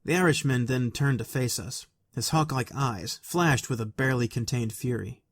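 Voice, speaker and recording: A man narrating a fan story aloud in a quiet, even, soft-spoken way. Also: medium pitch, normal speed, no echo.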